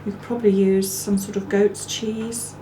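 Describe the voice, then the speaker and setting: A woman's voice: mid-range voice, little pitch movement, normal speed, loud music behind the voice. A woman hosting a home cooking demonstration in her kitchen, chatty and homely as she cooks and tastes. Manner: chatty and homely, talking while cooking and eating. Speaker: cooking show host. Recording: echoey room with clear background noise. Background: clatter of dishes and cutlery.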